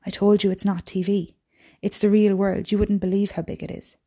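A woman's voice: medium pitch, little pitch movement, brisk, warm tone, breathy edge. A woman reading the part of a weary, tender young mother, speaking in an earnest, patient way. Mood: longing.

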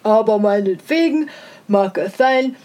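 Woman narrator doing a loud, sneering storybook hare, arrogant and boastful. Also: mid-range voice, lively intonation, a little slow, lightly acted. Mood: mocking. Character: haughty mocking male hare, proud of his long legs.

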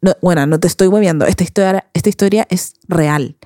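A young woman with a Chilean accent, co-hosting a podcast and telling stories in an animated, slangy way, laughing often. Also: fairly low pitch, brisk, no room sound, clean studio sound. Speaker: podcast co-host. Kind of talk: casual chat.

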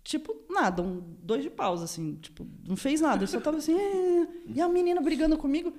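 A woman's voice: sits high, quick pace. A woman from Brazil, a podcast guest, telling a story in casual chat and acting out the voices of the people in it. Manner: animated, acts out voices in her story.

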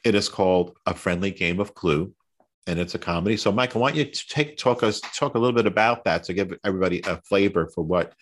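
Deep-voiced Long Island man hosting a podcast. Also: quick pace. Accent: Long Island New York. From Long Island, New York. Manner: jokey, self-mocking, chatty with fillers and restarts. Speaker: podcast host. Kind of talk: casual podcast interview.

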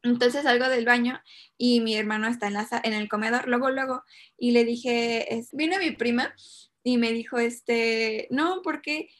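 A woman's voice: fairly high pitch, fairly even intonation, normal speed. A young woman with a Mexican Spanish accent telling a personal story in casual chat, hesitant, with many fillers and nervous laughs.

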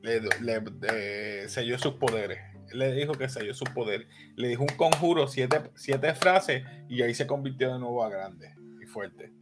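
A man, co-hosting a casual anime discussion, talking in an excitable, rambling way and dropping in English words. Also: medium pitch, a little slow, few pauses, music in the background. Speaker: co-host.

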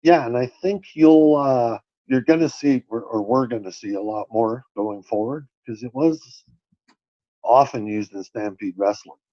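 A man's voice: medium pitch, unhurried, no room sound. A man co-hosting a podcast, chatting casually and agreeably, often restarting his sentences. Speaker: podcast co-host. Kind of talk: casual wrestling chat. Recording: dull, dry lo-fi sound.

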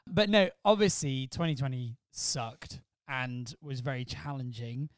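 A middle-aged Welshman who claims he doesn't sound Welsh appears as a guest on his wife's podcast, joking, teasing and telling stories in casual chat. His voice is medium-pitched and measured in pace, recorded cleanly in a studio with no echo.

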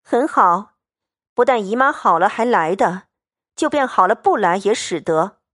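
A woman reading the part of a proud, sharp-tongued young noblewoman who speaks with biting sarcasm in a storybook reading. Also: mid-range voice, animated, unhurried, dry recording, studio quality. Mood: cutting.

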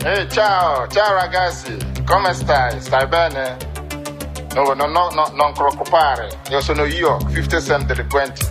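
A man's voice: fairly high pitch, unhurried, lightly acted. A man putting on a swaggering fake rapper who speaks broken Italian, half singing in a comic jingle. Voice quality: mangled foreign-sounding Italian, half sung. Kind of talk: comic jingle over music. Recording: voice far back in a loud music mix. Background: loud hip hop and reggae beat.

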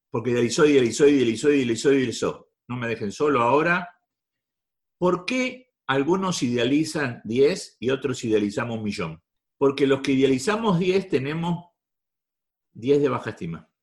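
A man's voice: mid-range voice, very animated, moderate pace. Emphatic Rioplatense man giving a talk. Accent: Rioplatense Spanish. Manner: repetitive, emphatic, preachy. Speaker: motivational speaker. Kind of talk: live talk to an audience.

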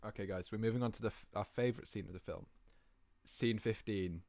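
A man's voice: lowish voice, a little fast, creaky, darkish tone, no room sound. A man narrating a comedy screenplay read with casual, dry asides.

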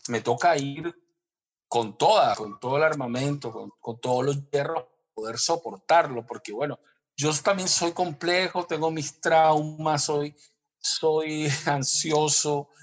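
A man from Colombia's Caribbean coast, with that region's Spanish accent, speaking reflectively as an author in an interview, halting and often rephrasing. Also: fairly high pitch.

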